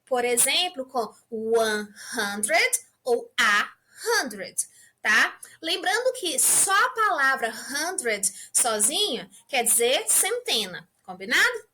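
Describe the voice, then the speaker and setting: Teacher, woman, bright high voice, slow and patient, keeps checking the class follows. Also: big pitch swings, a little hiss or hum. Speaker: English teacher. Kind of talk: language lesson for beginners.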